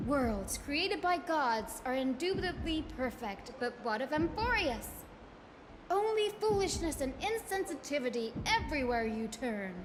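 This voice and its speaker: An actress voices a cheerful young woman scholar in a game, explaining as she tells stories and mimics quoted critics. Her high voice swings widely in pitch at a measured pace. The game audio plays over music with long reverb and a noisy background.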